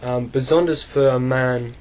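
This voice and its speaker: A teenage boy from England, an English speaker practising German, answering slowly with many fillers and pauses. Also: medium pitch, fairly even intonation. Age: teens. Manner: halting, slow, many fillers. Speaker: student.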